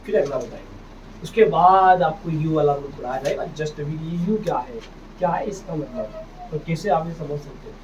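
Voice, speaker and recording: A man's voice: fairly high pitch, normal speed. A man teaching English phonics to a classroom, drilling each word by repeating it and asking the students back, and calling them "beta". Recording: distant, dull, noisy classroom recording.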